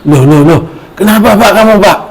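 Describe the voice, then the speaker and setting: Man putting on a mad scolding wife, high sharp voice. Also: normal speed, close to an everyday voice, poor audio. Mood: alarmed. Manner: shrill, scolding.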